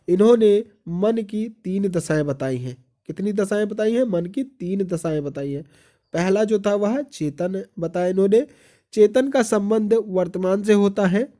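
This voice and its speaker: A male teacher with a high, mellow voice reads exam-prep notes aloud, turning each point into a question before answering it.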